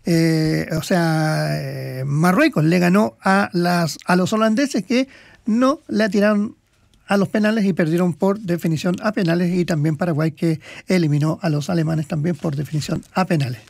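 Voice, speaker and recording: This sports commentator co-host has a high-pitched voice with vocal fry and talks at a moderate pace. In a laid-back radio sports segment, he meanders through the match results, hesitating often and leaning on fillers. The recording is dry and of studio quality.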